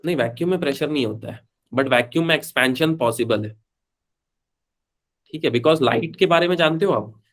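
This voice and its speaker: A man's voice: a little high, normal speed. A man teaching a live online physics class, chatty, calling students beta and switching between Hindi and English.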